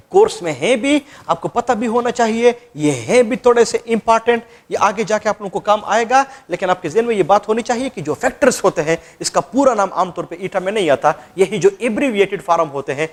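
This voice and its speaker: Man, high voice, classroom lecture, quizzes then answers himself. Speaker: teacher.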